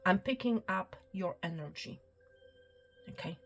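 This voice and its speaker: A woman giving a spiritual reading in a soft, reassuring way, often dropping to a whisper and checking in with the listener. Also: medium pitch, animated, a little slow. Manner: soft, reassuring, repeats "okay" and "my friend"; drops to a whisper at times. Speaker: psychic reader. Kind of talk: tarot-style spiritual reading to camera. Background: soft background music.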